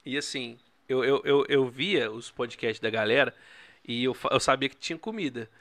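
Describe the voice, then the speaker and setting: A man's voice: mid-range voice, moderate pace, a bit bright. A Brazilian man chatting casually as a podcast guest, slangy and swearing freely.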